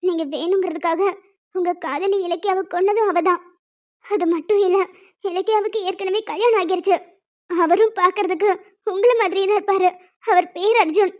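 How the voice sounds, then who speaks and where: A woman doing a high, pleading young woman. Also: fairly even intonation, normal speed. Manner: earnest, begging. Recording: dull lo-fi recording.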